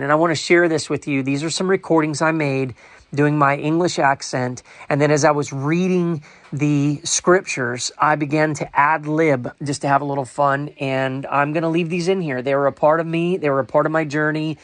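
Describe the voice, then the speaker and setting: A man's voice: a little high, fairly even intonation, normal speed, a bit bright, no echo. A man preaching in a recorded commentary, earnest and emphatic with a playful side.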